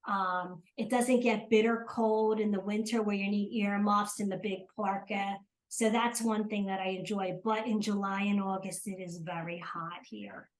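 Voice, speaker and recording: A woman's voice: medium pitch, fairly even intonation, moderate pace, low-quality recording. An older woman from South Jersey with a South Jersey accent, chatting as an interview guest, hesitant with many ums and restarts. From South Jersey, USA. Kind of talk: casual interview chat.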